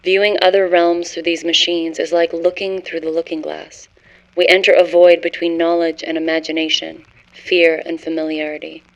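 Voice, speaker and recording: A woman's voice: lowish voice, flat delivery, normal speed, lightly acted, rough recording. A woman narrating a scripted horror story as a haunted scholar, in a grave, literary first-person manner. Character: haunted scholar confessing forbidden cosmic horror discovery.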